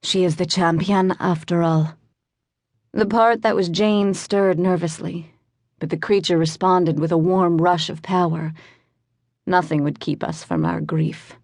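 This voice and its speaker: A woman narrating a fantasy audiobook in a measured, somber way. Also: on the low side, fairly even intonation, creaky, a little mellow, no echo, clean studio sound.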